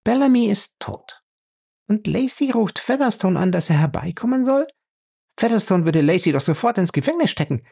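A man reading a storybook voicing a sharp-witted young woman who argues fast and incredulously. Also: mid-range voice, sing-song, creaky, breathy edge, voice pushed up, heavily acted. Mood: argumentative. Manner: quick, incredulous, argumentative.

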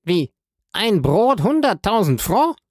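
A man voicing a haughty, indignant rich gentleman in an audiobook, with imperious, exasperated outbursts. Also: fairly high pitch, lively intonation, normal speed, gravelly, dry recording, clean studio sound, pitched above the performer's own voice. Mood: outraged. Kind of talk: audiobook character voice.

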